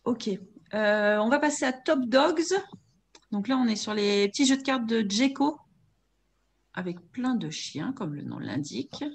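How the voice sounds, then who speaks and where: A woman's voice: fairly high pitch, lively intonation, measured pace, vocal fry, husky. A woman moderating an online webinar, relaying audience questions and handing over to her co-presenters on a video call.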